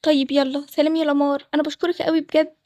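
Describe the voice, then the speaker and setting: A woman with an Egyptian accent voicing a desperate young runaway bride who pleads fast. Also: high-pitched, flat delivery, dark tone, no echo, close to an everyday voice. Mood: scheming. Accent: Egyptian Arabic.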